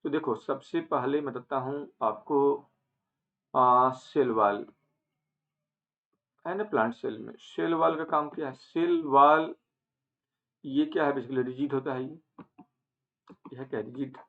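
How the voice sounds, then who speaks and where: A man teaching an online lecture, asking questions and answering them himself, with English terms mixed in and some phrases drawn out slowly. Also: mid-range voice, fairly even intonation. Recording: phone-like narrow band.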